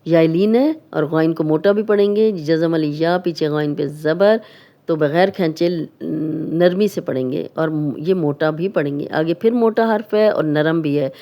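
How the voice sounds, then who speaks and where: A woman with a Pakistani Urdu accent teaches tajweed in a mellow, fairly low voice. She explains each rule patiently and step by step, then stretches recited words out slowly.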